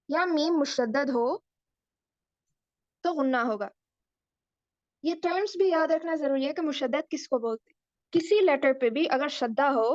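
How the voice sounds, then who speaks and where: A woman teaching Quran recitation in a slow, patient lesson, pausing to demonstrate letter sounds aloud. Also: sits high, a little mellow, dry recording. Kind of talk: slow explanatory lesson mixing Hindi-Urdu and English. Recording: dull lo-fi dry recording.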